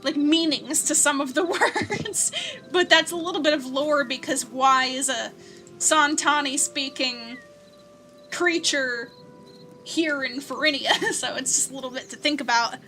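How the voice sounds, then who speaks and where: High bright young woman streamer, chatty and giggly, faint game music underneath. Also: measured pace. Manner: chatty and giggly, coos at pets. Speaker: gaming streamer. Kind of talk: casual game commentary, reading chat.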